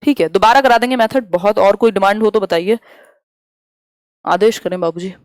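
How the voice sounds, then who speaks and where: A woman teaching a live online exam-prep lesson. She explains each point in Hindi mixed with English terms, reads the questions out slowly and answers viewers in the chat. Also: medium pitch, no echo.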